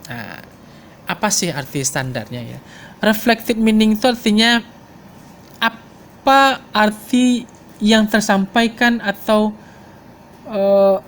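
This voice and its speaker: A man's voice: high-pitched, a bit bright, a little hiss or hum. A man giving an explanatory lecture, thinking aloud with frequent fillers and reading English passages aloud.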